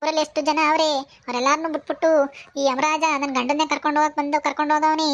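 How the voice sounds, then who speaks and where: A woman's voice: sits high, flat delivery, fairly quick, no room sound, lo-fi sound. A woman voicing a wailing old village widow. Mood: grieving. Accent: rural Malnad Kannada. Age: older. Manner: wailing lament, repeating phrases. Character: grieving elderly village widow. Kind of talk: animated cartoon voice acting.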